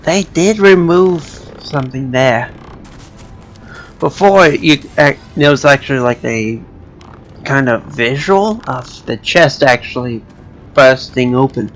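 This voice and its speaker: A man's voice: mid-range voice, lively intonation, slow, slight background noise. A man giving casual, off-the-cuff commentary as he plays a video game, with game music behind him. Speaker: let's play commentator.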